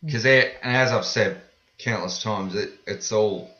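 Low-voiced Australian man, roomy dull recording. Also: a little slow, sharp tone. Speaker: podcast guest. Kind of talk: casual conversation.

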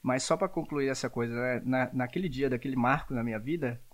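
A man's voice: medium pitch, fairly quick, lo-fi sound. A man who is a guest in a casual chat, telling anecdotes and laughing often.

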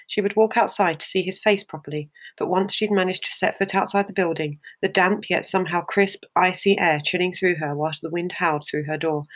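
A narrator reading a short story aloud in a steady, measured way. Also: medium pitch.

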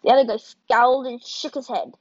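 A woman reading a novel aloud in a plain, steady storytelling way. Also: a little high, a little fast, no echo, lo-fi sound. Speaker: audiobook reader.

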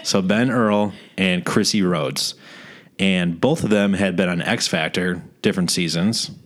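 A man with a very low, deep voice co-hosts a podcast in relaxed chat. He tells stories at an easy pace and often stops to hunt for the right word. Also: unhurried. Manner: easygoing, searching for words, storytelling. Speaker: podcast co-host. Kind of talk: casual chat.

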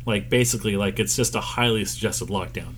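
A man co-hosting a podcast in casual comedic chat, with dry, deadpan jokes. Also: on the low side, fairly quick, a little hiss or hum. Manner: dry, jokey, deadpan absurd asides. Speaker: podcast co-host.

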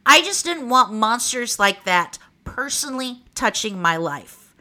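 A bright, forceful, slightly high voice with a sing-song lilt and measured pace belongs to this true crime podcast host. About forty and from Oklahoma, she speaks with an Okie accent in a candid, wry, conversational monologue.

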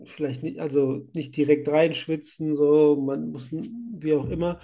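Despite a cold, this thirtysomething man from Germany, who hosts a podcast and manages a site, chats casually with frequent laughter. He sounds a bit high and a little slow, with little pitch movement, vocal fry, and a dark tone.

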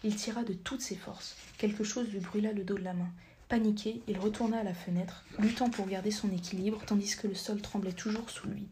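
A woman narrating a storybook audiobook, reading steadily and sometimes dropping to a soft, near-whispered tone. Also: medium pitch, brisk, a little hiss or hum. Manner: steady reading, drops to a soft near-whisper at times, corrects small slips. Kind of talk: scripted narration.

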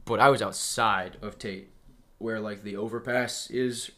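A man's voice: lowish voice, steady tone, measured pace, fairly bright tone. A young man co-hosting a podcast, telling a story in casual chat, acting out quotes and laughing often. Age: young adult. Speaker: podcast co-host.

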